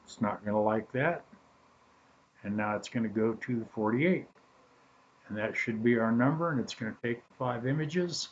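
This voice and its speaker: A man giving a casual, halting hands-on tutorial in an informal, laid-back way, recorded on a laptop's built-in microphone with poor sound. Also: medium pitch, lo-fi sound, slight background noise. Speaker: DIY tutorial host.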